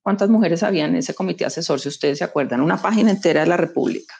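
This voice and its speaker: A woman's voice: lowish voice, rapid-fire, vocal fry, a little mellow, husky. A woman, an executive guest speaking emphatically in a conversational interview, making her points with anecdotes and rhetorical questions.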